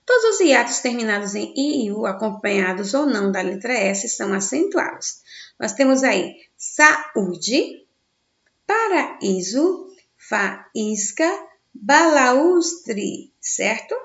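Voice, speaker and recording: A woman teacher giving a recorded grammar lesson for children in Brazilian Portuguese, sounding out stressed syllables slowly and answering her own questions. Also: on the high side, expressive, creaky. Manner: slow, stressed syllables when sounding out words; asks the class questions and answers them herself. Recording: dull, echoey room.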